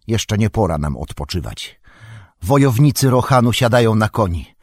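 Male narrator doing a resolute warrior, firm, low and husky, dry read. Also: sing-song, normal speed, no echo, full character voice. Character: loyal ranger warrior, resolute man.

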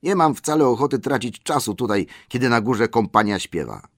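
A man voicing merry, impatient male elves in an audiobook, loud and mocking. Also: mid-range voice, animated, moderate pace, no room sound, studio quality, voice pushed up.

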